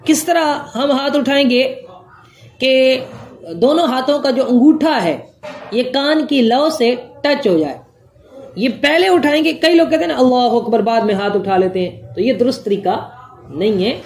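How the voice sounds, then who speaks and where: A woman's voice: high voice, expressive, moderate pace, darkish tone. A woman giving a religious jurisprudence lesson, going point by point and answering her own questions. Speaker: religious teacher.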